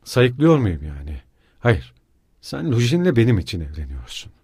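A man's voice: mid-range voice, sing-song, moderate pace, dark tone, husky, no room sound, clean studio sound, heavily acted. A man voicing a feverish young male student who speaks in strained, broken-off bursts. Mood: bitter. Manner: strained, breaking off abruptly.

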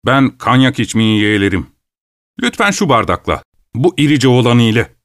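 A man's voice: mid-range voice, very animated, moderate pace, a bit bright, no room sound, clean studio sound. A man voicing a greedy, tactless male dinner guest with a boisterous, self-satisfied manner. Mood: brash.

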